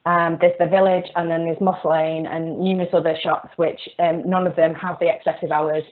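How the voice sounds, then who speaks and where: Low-voiced woman making her case to a council committee, lots of ums, muffled call audio. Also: little pitch movement. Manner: earnest, halting with frequent fillers. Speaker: local resident objector. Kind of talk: formal statement to a committee. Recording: dull online call audio.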